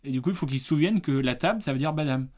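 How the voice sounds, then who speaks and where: A man's voice: a little high, racing, a little mellow. A man hosting a casual film podcast, talking in a chatty way with lots of hesitations and fillers and teasing his co-host with quiz games. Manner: playful quiz-master teasing.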